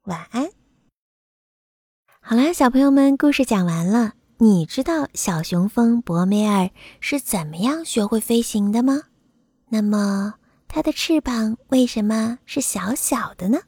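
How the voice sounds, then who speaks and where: A woman narrating a bedtime story for children in a soft, soothing way. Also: fairly high pitch, animated, a little slow, breathy edge, no room sound.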